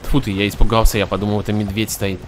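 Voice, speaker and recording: A man's voice: on the low side, flat delivery, fast talker. A man giving casual let's-play commentary, talking to himself in colloquial speech with mild grumbling. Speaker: gaming video host. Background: game ambience with horse hooves.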